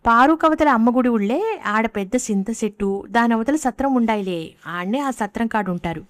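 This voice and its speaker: A woman's voice: fairly high pitch, animated, normal speed, no echo, natural voice. A woman voicing a timid, poor little village girl who speaks in rustic dialect, plaintive.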